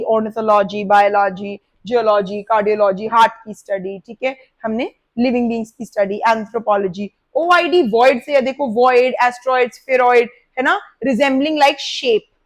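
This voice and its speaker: A woman's voice: on the high side, moderate pace. A woman teaching a vocabulary lesson, addressing her students directly and checking that they keep up.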